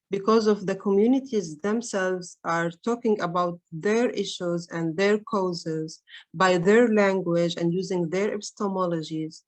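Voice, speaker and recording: On a conference panel, a researcher whose first language is Arabic gives roundtable remarks in a lowish voice. She sounds hesitant, with lots of fillers and restarts.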